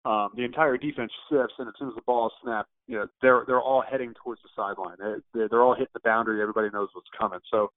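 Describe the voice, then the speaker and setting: A man's voice: medium pitch, fairly even intonation, very fast, hardly any pauses. Man on a muffled phone line. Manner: analytical, breaks plays down step by step with frequent fillers. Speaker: podcast panelist, former offensive lineman. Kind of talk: sports analysis chat.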